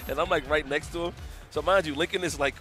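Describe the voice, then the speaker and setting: A man with a fast, high-leaning voice commentates a fighting game tournament in casual chat, with soft music in the background. He tells stories in an animated, slangy way, laughing as he goes.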